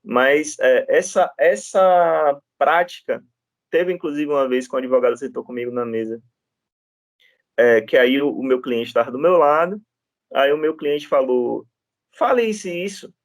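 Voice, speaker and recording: A man's voice: mid-range voice, unhurried, no room sound. A man lecturing on law, telling stories from his practice with frequent tag questions and restarts. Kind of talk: classroom lecture with anecdotes.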